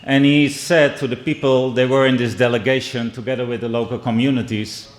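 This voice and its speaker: A middle-aged man from the Netherlands with a Dutch and Brazilian accent, giving a measured keynote speech and telling stories, often pausing and restarting. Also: medium pitch, flat delivery. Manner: measured, with frequent restarts and pauses. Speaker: keynote speaker. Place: indoor conference hall. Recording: echoey hall.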